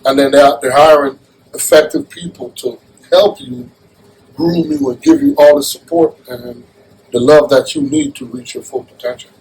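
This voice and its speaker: A man's voice: mid-range voice, normal speed, darkish tone, husky, rough recording. A man from Jamaica being interviewed, talking in an earnest, casual way and often restarting his phrases. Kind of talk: casual conversation.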